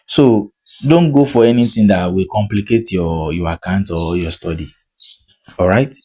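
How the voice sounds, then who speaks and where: Here a non-native English speaker, working as an online money coach, walks through a screen-share tutorial, reading the text aloud and checking in with "okay?" again and again. His voice is deep, dark, and husky, delivered at a moderate pace.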